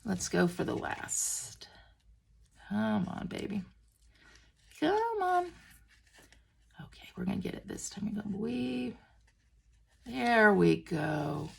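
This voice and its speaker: A woman demonstrating stamping crafts, gushing and excitable as she talks while working with her hands. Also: medium pitch, takes it slowly, creaky, long pauses, slightly rough. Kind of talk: crafting tutorial.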